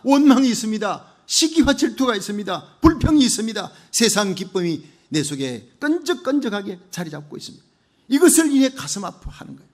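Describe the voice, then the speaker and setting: A male pastor delivers a Sunday sermon with fervent conviction, building rhythmic lists of repeated phrases. His voice sits high and moves expressively, swooping from loud proclamations down to quiet, low-spoken asides. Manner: fervent preaching, swinging from loud declarations to hushed low asides.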